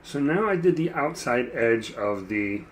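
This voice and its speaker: A man chatting casually while he paints a miniature, rambling and self-deprecating, with a dry, froggy throat that he keeps clearing. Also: medium pitch, lively intonation, a little slow, slight background noise. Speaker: mini painting streamer.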